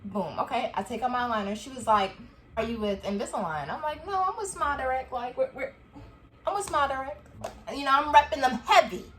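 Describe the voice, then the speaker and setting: A young woman chatting to camera in a casual review vlog, animated and quick to laugh, acting out what people said to her. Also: high-pitched, faint music behind. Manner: chatty and animated, laughs often, acts out quoted dialogue. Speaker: vlogger.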